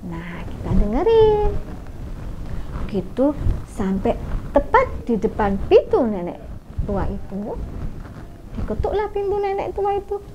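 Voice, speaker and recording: Lively woman telling a children's story. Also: sits high, measured pace, pauses often, slight background noise. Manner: lively, addresses listeners directly. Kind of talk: live radio storytelling for children. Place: radio studio. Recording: muffled radio studio audio.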